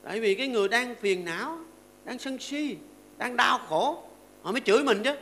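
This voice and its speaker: A man's voice: very high-pitched, animated, normal speed, a bit bright, slight background noise. An older man, a Buddhist monk, giving a sermon to a seated audience. He keeps asking his listeners to agree and teaches with everyday stories and short verses.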